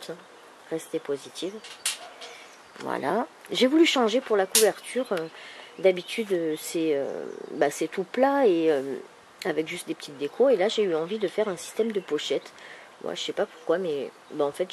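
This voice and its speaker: A woman with a thick, swollen-tonsils sore-throat voice, speaking softly and casually as she presents a craft project. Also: deep voice, lively intonation, moderate pace. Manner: soft-spoken, holding back volume. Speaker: craft video maker presenting an album. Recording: clearly noisy background ambience.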